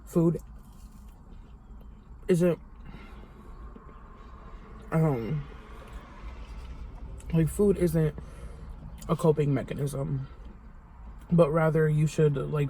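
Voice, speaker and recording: A young adult woman talking to camera in a confessional vlog, halting and vulnerable, with many fillers and restarts. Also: sits low, steady tone, dark tone, a little hiss or hum. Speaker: vlogger.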